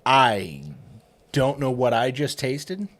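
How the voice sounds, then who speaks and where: A man hosting a casual whiskey tasting, talking in an animated, joking, enthusiastic way. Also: mid-range voice, slow, heavy background noise.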